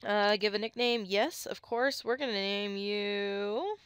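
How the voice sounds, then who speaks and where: A woman giving chatty, excitable commentary on her own gameplay into a close mic, with sudden squeals when something catches her eye. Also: mid-range voice, unhurried, clean tone, no room sound. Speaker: let's play gamer.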